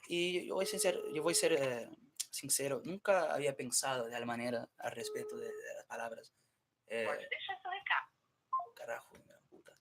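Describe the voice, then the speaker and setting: A man's voice: mid-range voice, steady tone, a little fast, background noise. A man in a casual, rambling monologue, often swearing, restarting his sentences and switching between English and Spanish. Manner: profane, rambling, restarts and self-interrupts. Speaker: streamer talking to himself.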